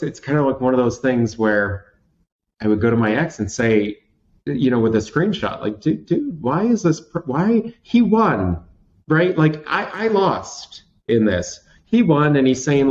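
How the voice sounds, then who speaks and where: Speaking at a measured pace in a sing-song, slightly mellow mid-range voice, this interview guest in his thirties from Washington State, USA, candidly recounts a personal story. He is theatrical and pokes fun at himself, restarting often, and the highs are cut off in the recording.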